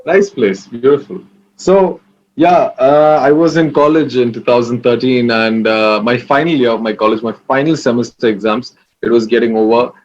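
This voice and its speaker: A man in his late twenties from Kerala, India, telling his story in a relaxed, rambling way full of fillers. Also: mid-range voice, moderate pace, muffled recording. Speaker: interview guest. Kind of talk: casual interview.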